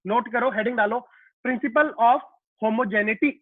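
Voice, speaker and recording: A man's voice: very high-pitched, slow pace, no echo. A male physics teacher giving a live online lecture, asking questions and answering them himself, calling students "beta" and explaining with everyday examples. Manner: asks and answers his own questions, calls students "beta". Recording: tinny phone-like dry sound.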